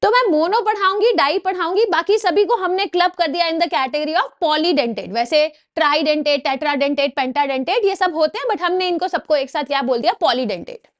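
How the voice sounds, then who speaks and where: एक महिला रसायन शिक्षिका परीक्षा की तैयारी का लेक्चर देती है, हिंदी में अंग्रेज़ी शब्द मिलाकर, बीच-बीच में छोटे सवाल पूछती है, अंग्रेज़ी में भारतीय लहजा।. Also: female voice, very high-pitched. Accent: Indian English. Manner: explains in Hindi mixed with English terms, asks quick check questions. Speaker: chemistry teacher. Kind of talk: exam-prep lecture.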